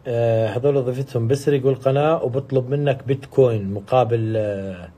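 A man speaks to his viewers in a husky voice, upset and swearing oaths as he pleads his case. His tone is dark and mellow. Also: medium pitch, steady tone, quick pace. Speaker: YouTuber. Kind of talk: vlog.

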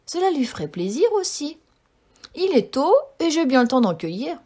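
A woman reading a storybook and voicing a sweet, trusting little girl in a bright, eager voice. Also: high voice, very animated, moderate pace. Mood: wondering.

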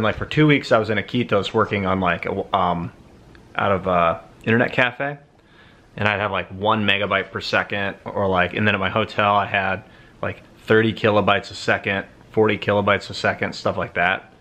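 A man in his thirties vlogging casually into a handheld camera, relaxed and reflective, rambling between thoughts. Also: fairly low pitch, moderate pace. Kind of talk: casual travel vlog. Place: airport and apartment. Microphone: handheld camera at arm's length. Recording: loud background noise.

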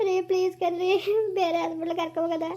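A woman acting as a desperate young village mother, tearful and begging. Her voice runs very high and quick, with the pleas tumbling over one another in this homemade skit. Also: flat delivery, dark tone. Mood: pleading.

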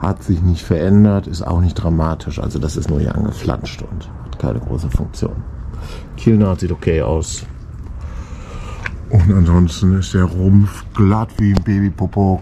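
Gravelly low-voiced older man vlogging. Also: fairly even intonation, measured pace, mellow, slight background noise. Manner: chatty, self-mocking, jokey asides. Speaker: sailing vlogger. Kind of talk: casual self-filmed commentary. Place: outdoor boatyard. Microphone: action camera held at arm's length.

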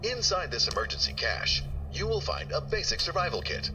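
A calm emergency guidance recording over a radio. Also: male voice, fairly high pitch, moderate pace. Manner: even, reassuring announcer reading instructions. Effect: played through an in-game radio. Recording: distant radio playback with noise.

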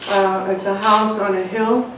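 In an interview, a Cuban-born American woman in her sixties, a home cook and author, reflects on her life at a measured pace, pausing often, her voice medium in pitch and level in tone. The very echoey recording comes from a distant mic in a bright room with big windows at home, with a little background noise.

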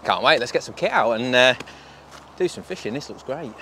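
Man, mid-pitched, casual enthusiastic vlog host outdoors; clear outdoor noise behind. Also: lively intonation, a little fast, a bit bright. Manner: chatty, enthusiastic, addresses viewers directly. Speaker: fishing vlogger. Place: outdoors at a fishing lake.

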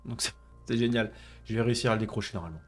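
A young French man from France does let's play commentary on a role-playing game, reading its text aloud while laughing and swearing. His voice is lowish and he talks at a racing speed over music.

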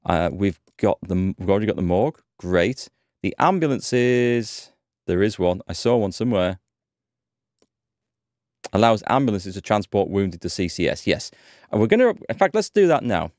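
Speaking with a sing-song lilt at a moderate pace, a North Yorkshire man in his thirties streams a game from his home room indoors, chatting and thinking aloud on a headset mic. His voice is lowish with a darkish tone, and he's slightly unwell with a cold. The sound is clean studio quality with no echo.

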